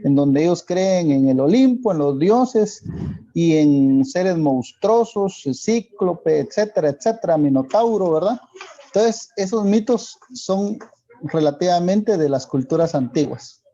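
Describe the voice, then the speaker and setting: A male teacher with a Guatemalan Spanish accent, explaining a lesson slowly and checking in with rhetorical questions. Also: sits high, animated, warm tone, dull audio. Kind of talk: classroom lesson for video.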